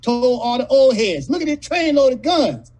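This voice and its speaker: A man in his late fifties from California, telling rough, profane stories as a guest in a casual interview. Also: very high-pitched, big pitch swings, moderate pace, a little mellow, poor audio. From California, USA. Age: 50s. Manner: profane, rambling, street-talking storyteller. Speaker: actor guest.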